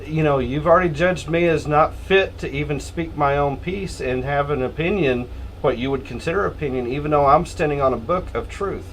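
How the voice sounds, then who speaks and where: A man's voice: a little high, fairly quick, slight background noise, low-quality recording. A man with a Southern American accent speaking emphatically, like a preacher, in an opinionated religious discussion. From Texas, USA. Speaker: panelist on a religious discussion show. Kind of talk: opinionated group discussion with scripture reading.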